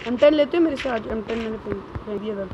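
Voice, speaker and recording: Woman shouting quick game calls. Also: a little high, dull audio. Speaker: gaming streamer. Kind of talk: excited gameplay commentary with teammates. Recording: noisy game stream audio.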